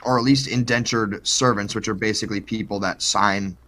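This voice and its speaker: A man's voice: fairly low pitch, steady tone, fairly quick, fairly bright tone. A man co-hosting a podcast, telling a true-crime story in a joking, profane, casual way. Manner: joking, profane, lots of fillers.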